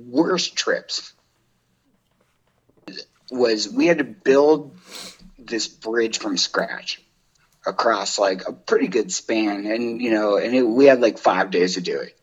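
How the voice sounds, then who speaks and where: A man's voice: mid-range voice, expressive, slow pace, husky, lo-fi sound. A young man chatting casually as a podcast guest, rambling with lots of "like". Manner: rambling, full of "like". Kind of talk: casual interview chat.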